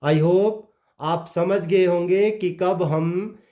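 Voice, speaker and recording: A high, mellow male voice moves very slowly through an English pronunciation lesson. He spells out each word letter by letter, dropping his voice at phrase endings in this slow phonics session.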